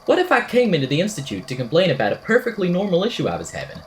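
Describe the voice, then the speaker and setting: A woman plays an eccentric, whimsical podcaster telling a supernatural story in an amateur audio drama monologue. Her fairly low voice swings about lively and very fast, wordy and theatrical with a wry deadpan, in a musing, wry mood. A little noise sits behind it.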